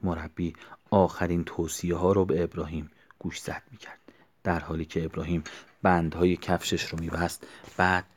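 Brief: male storyteller, very low voice, hushed and near-whispered delivery. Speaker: narrator. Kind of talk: storytelling narration.

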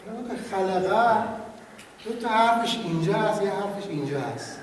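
A man teaching Quran recitation in class, stretching out sounds slowly and having students repeat. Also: sits high, lively intonation. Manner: demonstrates sounds by drawing them out slowly. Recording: echoey room from far off, faint noise.

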